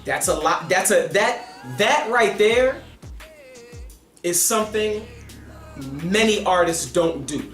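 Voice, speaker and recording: Casual male reviewer, emphatic and lively, recorded in a roomy, echoey space. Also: high voice, takes it slowly, pauses often, soft background music. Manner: animated, emphatic, talks with his hands. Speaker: album reviewer. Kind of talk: casual commentary.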